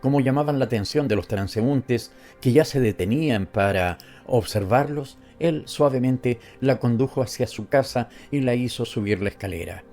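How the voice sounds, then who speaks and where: A man narrating a classic short story in a measured, expressive reading. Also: mid-range voice, faint music behind. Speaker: audiobook narrator.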